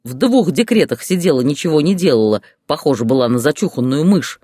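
A man's voice: a little high, lively intonation, normal speed, dry recording, studio quality, pitched above the performer's own voice. A man doing a raging jealous ex-husband. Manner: shouting, raging rant. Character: furious jealous ex-husband, middle-aged man.

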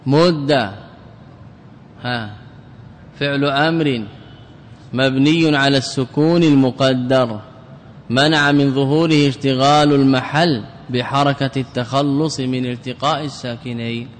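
A man teaching classical grammar as a sheikh, drilling example words and putting quick questions to his listeners. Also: steady tone. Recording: long reverb with faint rumble.

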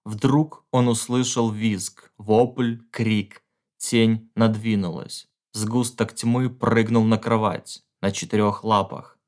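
A man reading a horror story aloud, with measured, tense storytelling and hushed pauses. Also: fairly low pitch, steady tone. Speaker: audiobook reader. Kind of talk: dramatic horror narration.

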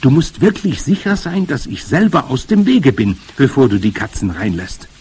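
A man putting on an excited little mouse boy. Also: normal speed, slightly rough, exaggerated voice. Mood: earnest. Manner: eager, breathless, high-pitched exclamations. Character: excited young boy turned into a talking mouse. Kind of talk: audiobook character voice.

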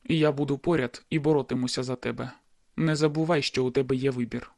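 A cocky young man in love, voiced by a woman narrator, speaking low, insistent and a little teasing. The voice sits well below her own and carries a different tone, as in a storybook reading. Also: fairly even intonation, fast talker, warm tone. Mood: earnest.

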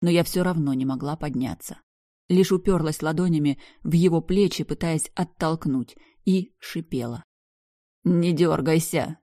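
A woman giving expressive first-person narration of an audiobook. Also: low-pitched, moderate pace, no echo, clean studio sound.

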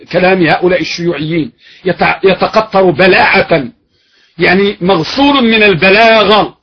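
A male preacher with a high, husky voice delivers an emphatic sermon. He hammers his points by repeating phrases and posing rhetorical questions, heard on a dull lo-fi recording. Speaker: sheikh, preacher. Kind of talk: fiery religious lecture.

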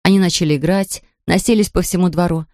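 A woman narrating a children's storybook in an expressive, even reading. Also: lowish voice, fast, dry recording, clean studio sound. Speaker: audiobook narrator.

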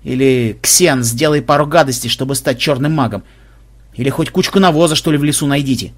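A man voicing a bossy male team leader who barks orders in a brisk, blustering way. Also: medium pitch, lightly acted.

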